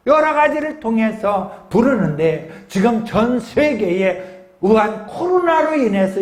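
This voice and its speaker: A man's voice: high-pitched, darkish tone, reverberant. A man pastor preaching a sermon with emphasis, often asking the congregation questions.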